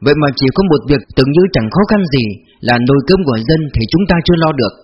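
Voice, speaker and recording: A man's voice: a little high, expressive, rapid-fire, highs cut off, noisy background, lightly acted. A man voicing an older male provincial leader in an audiobook, speaking earnestly and reflectively.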